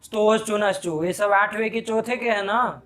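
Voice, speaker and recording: A man teaching Sanskrit grammar in a live class, quizzing his students briskly and scolding them sharply when they answer wrong. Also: sits high, fairly even intonation, fairly bright tone.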